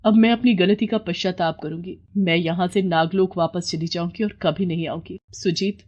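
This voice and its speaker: A woman voicing a remorseful female snake spirit in a cartoon story, with a breathy, pleading voice. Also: fairly low pitch, fairly even intonation, moderate pace, darkish tone, highs cut off, natural voice. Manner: pleading, confessional.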